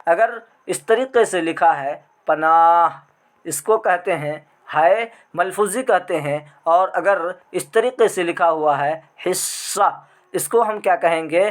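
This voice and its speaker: Guy teaching online grammar class, kinda high voice, stretches out example words. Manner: slow, repeats questions and answers, drawing out example words.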